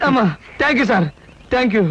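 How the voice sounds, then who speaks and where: A man's voice: extremely high pitch, measured pace, fairly bright tone, a little hiss or hum, low-quality recording. A man playing a cheeky, teasing young lodger who schemes in a film comedy scene. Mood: fake-hurt. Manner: cheeky, teasing and mock-innocent. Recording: film soundtrack with music underneath.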